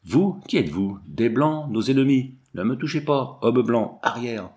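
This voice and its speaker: A man's voice: medium pitch, lively intonation, moderate pace, a little mellow, lightly acted. A man voicing a proud, defiant young woman who speaks in a haughty, commanding way.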